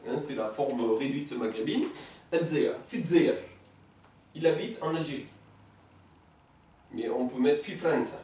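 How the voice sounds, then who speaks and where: A teacher giving a beginner's language lesson in a classroom, patiently repeating words slowly and checking that students follow. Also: mid-range voice, dark tone. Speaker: Arabic teacher. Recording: roomy sound from a distant mic.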